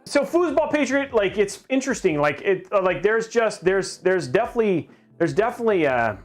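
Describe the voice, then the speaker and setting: A man's voice: sits high, big pitch swings, a little fast, faint music behind. A middle-aged man hosting a live stream, chatting casually and rambling, often restarting his sentences as he reads viewer questions. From grew up in Japan. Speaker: livestream host.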